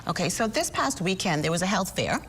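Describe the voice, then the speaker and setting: A woman's voice: fairly low pitch, sing-song, a little fast, fairly bright tone. A woman interviewer asking questions in a chatty, informal way. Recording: roomy hall echo, faint background noise.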